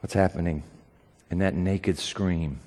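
A man preaching a sermon as pastor, dramatic and swinging from loud declarations to hushed words. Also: low voice, steady tone, a little slow. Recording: long hall reverb.

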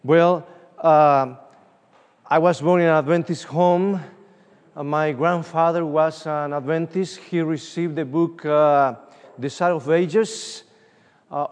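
The speaker is a middle-aged evangelist from Uruguay whose Spanish-accented English comes out a bit high-pitched for a man. His conference sermon is lively storytelling from his own life, punctuated by frequent "uh" pauses. The recording is distant, taken by a room microphone, and a large hall adds long reverb.

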